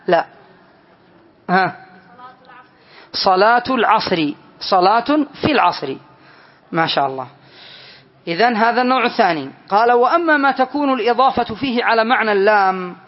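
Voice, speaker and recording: High-voiced guy teaching a grammar class, slow and careful, keeps quizzing students, kinda muffled lo-fi sound. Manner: slow, deliberate explanation with questions to students.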